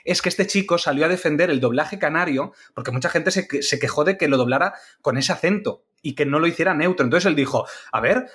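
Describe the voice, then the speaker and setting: A man, co-hosting a casual podcast and steering the conversation in a relaxed, chatty way. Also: a little high, fast talker, hardly any pauses. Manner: leads the topics, conversational and laughs easily. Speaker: podcast co-host. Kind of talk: casual chat.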